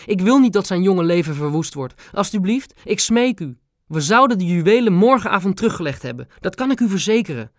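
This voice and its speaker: A man's voice: high-pitched, sing-song, fairly quick, no echo, studio quality, voice pushed up. A man voicing an elderly grandmother who is devoted to her grandson. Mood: pleading. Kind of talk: audiobook character voice.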